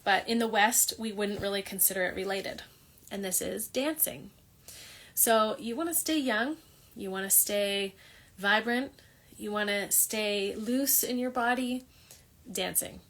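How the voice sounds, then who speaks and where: A woman's voice: mid-range voice, a little slow, fairly bright tone. A woman hosting a holistic wellness talk, speaking casually and rambling with many restarts as she chats to her viewers. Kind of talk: casual monologue on yoga.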